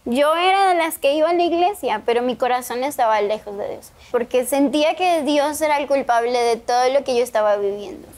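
Young woman guest, very high voice, earnest emotional faith testimony in a TV studio interview. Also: brisk, few pauses, a little mellow.

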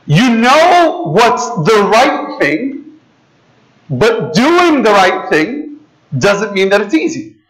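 A priest in his thirties with a notably high voice preaches a sermon in a large church. He talks to the congregation as if chatting with friends, gesturing freely and often tossing in "right?" and "okay?" to keep them with him. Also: very animated, slow pace, fairly bright tone, poor audio. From United States. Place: large ornate church, indoors, speaking to a seated congregation. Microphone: far camera, preacher standing at a lectern.

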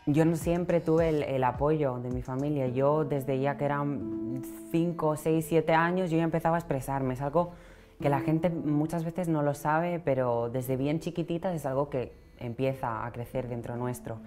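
A woman's voice: deep voice, normal speed, over music. A woman, answering interview questions earnestly and reflectively, recorded on a lapel mic in a small studio. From Catalonia, Spain. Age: 20s. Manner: earnest, reflective, repeats words when searching. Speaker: pageant winner guest. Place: small TV studio set, indoors.

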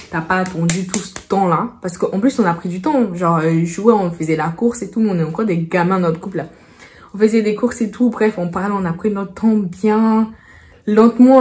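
A woman's voice: on the low side, a little mellow. Chatty young woman telling a story. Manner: chatty, acts out dialogue, frequent fillers. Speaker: vlogger. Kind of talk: casual storytime.

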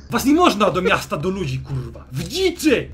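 Man doing a fantasy army general, foul-mouthed, sarcastic, shouting, raised pitch, swinging delivery. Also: big pitch swings, normal speed, soft background music. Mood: menacing angry. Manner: shouting, sarcastic, swears constantly. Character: foul-mouthed middle-aged human army general, gruff drill commander. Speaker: fantasy general addressing troops.

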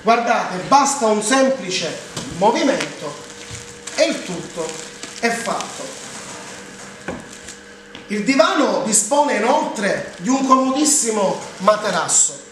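A man delivers a TV infomercial pitch in a high voice, unhurried and emphatic. He stretches his words to sell the offers. The sound is distant from the microphone, in a large indoor showroom. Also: big pitch swings. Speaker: TV furniture salesman presenting offers. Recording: echoey showroom, distant mic, faint noise.

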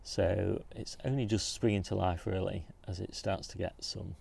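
A man's voice: sits low, normal speed, gravelly, breathy edge. A man casually walking through his back garden, explaining his beds and plants as he films. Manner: relaxed, informative, pointing things out as he walks. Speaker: gardening channel host. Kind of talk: casual garden tour walkthrough. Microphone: handheld phone camera.

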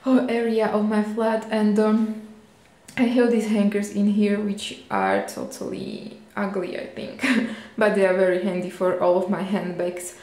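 Young Czech woman, giggly rambling vlog chat, mid pitch, echoey flat. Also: a little slow. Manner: chatty, giggly, rambling with fillers. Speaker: fashion vlogger. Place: hallway and walk-in wardrobe of her flat. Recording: echoey hallway.

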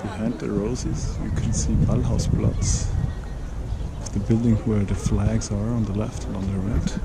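A man guiding a walking tour, pointing out sights at a leisurely pace with frequent pauses. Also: lowish voice, little pitch movement. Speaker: city tour guide. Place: outdoors on city streets and squares. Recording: outdoor recording with traffic noise. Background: street ambience and passing traffic.

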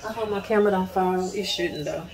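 A woman's voice: medium pitch, a little fast, crowd noise. A woman in her thirties chatting casually in a home vlog while she cleans and organizes her kitchen, rambling and often saying "so yeah", picked up by a camera on a tripod across the room. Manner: relaxed, rambling, repeats "so yeah". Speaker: vlogger.

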